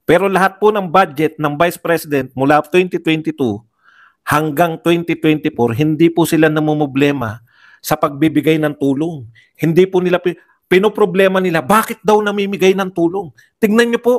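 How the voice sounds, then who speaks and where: A man from the Philippines delivers political commentary for a vlog in a voice sitting a bit above the usual male pitch. He is sarcastic and keeps piling up rhetorical questions. He stays politely formal while mocking the people he criticizes. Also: normal speed.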